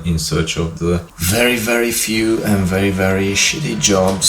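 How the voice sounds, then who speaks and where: A man in his fifties, originally from Hungary, hosting his own vlog and telling his life story in a relaxed, rambling way. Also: low-pitched, a little hiss or hum. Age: 50s. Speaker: YouTube channel host. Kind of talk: casual personal vlog talk. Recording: echoey room with music behind.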